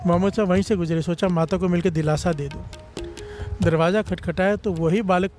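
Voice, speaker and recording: A man's voice: high voice, fairly even intonation, a little fast, music in the background. A man preaching a devotional sermon, fervently leading the congregation in call-and-response and sometimes slipping into sung phrases.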